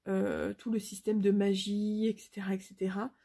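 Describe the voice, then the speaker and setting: A woman's voice: mid-range voice, flat delivery, moderate pace, gravelly, dark tone. A woman vlogger talking casually about a book to her viewers, frank, with many fillers and restarts. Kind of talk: casual book review to camera.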